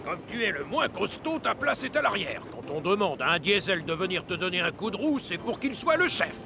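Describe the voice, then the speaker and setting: A man voicing a bossy, conceited diesel locomotive with a gravelly, condescending, mocking cartoon delivery. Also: sits high, very animated, a little fast, exaggerated voice. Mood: sneering. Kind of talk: children's cartoon dub acting.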